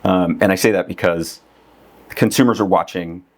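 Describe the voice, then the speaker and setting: Low-voiced man chatting as podcast guest. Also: steady tone, moderate pace. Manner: conversational, laughs often, many fillers. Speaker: real estate agent guest. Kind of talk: casual podcast conversation.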